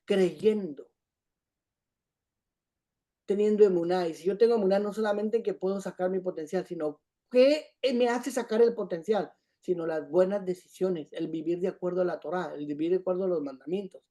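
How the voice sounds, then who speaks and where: A Bible study teacher explaining scripture, repeating points and often checking in with a quick "right?". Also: mid-range voice, mellow. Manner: repetitive, checks in with "¿sí?".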